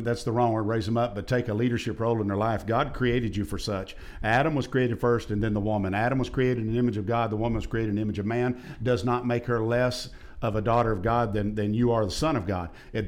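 A man, a pastor preaching fiery and emphatic in a discussion, rising to loud peaks. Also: on the low side, fairly even intonation, fast talker.

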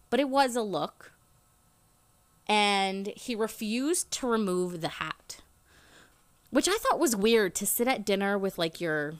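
A woman's voice: mid-range voice, a bit bright. A young woman hosting her own podcast, telling a dating story in a chatty, sarcastic way with lots of "like" fillers. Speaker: podcast host. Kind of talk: casual storytelling monologue.

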